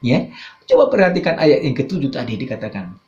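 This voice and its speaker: A man's voice: sing-song, fast. Emphatic male pastor preaching in a roomy hall. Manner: emphatic preaching that swings between loud high phrases and low quiet asides. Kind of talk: sermon. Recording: dull roomy church recording.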